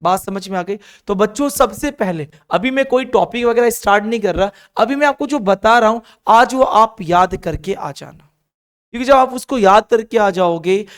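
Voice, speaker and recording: A high-pitched male chemistry teacher with an Indian accent gives an encouraging classroom lecture. He drills his students through lists using repeated call-and-response.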